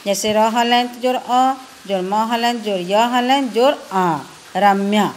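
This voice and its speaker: A woman's voice: on the high side, slow pace, a little hiss or hum. A woman teacher with a Bihari Hindi accent, patiently spelling out letters one by one in a recorded lesson for children.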